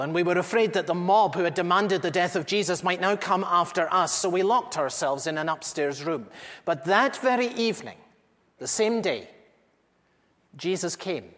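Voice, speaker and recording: A man's voice: sits high, fairly bright tone. A man performing a first-person dramatic monologue as an aged apostle recounting what he witnessed, earnest and intimate with dramatic swells. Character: aged male apostle recounting eyewitness memories. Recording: echoey hall with long reverb.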